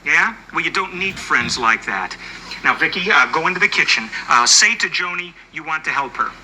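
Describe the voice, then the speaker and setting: An actor playing a flustered suburban dad who keeps backpedaling nervously in a sitcom. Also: male voice, on the high side, lively intonation, moderate pace, pushed and bright, a little hiss or hum, low-quality recording. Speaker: father and husband. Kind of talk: sitcom acting.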